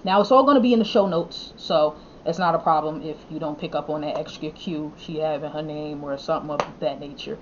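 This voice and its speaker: A woman's voice: deep voice, a little fast, hardly any pauses, muffled recording, noisy background. A woman hosting a casual podcast, talking in an affirming, thankful way with loose fillers. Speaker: podcast host.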